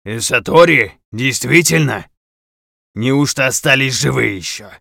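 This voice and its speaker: Man voicing a loud, possessed-sounding demonic shaman. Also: expressive, unhurried, creaky, no room sound, clean studio sound, full character voice. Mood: astonished. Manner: possessed, booming demonic delivery. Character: demonic otherworldly winged mutant shaman, tall, menacing, haughty. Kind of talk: dramatic audiobook character voice.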